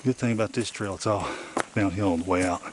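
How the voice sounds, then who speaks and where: A middle-aged man walking a forest trail, out of breath, who often drops his voice to a hush as he talks to a handheld camera. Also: low voice, quick pace, noisy background. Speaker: vlogger on a woods hike. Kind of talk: casual walking vlog.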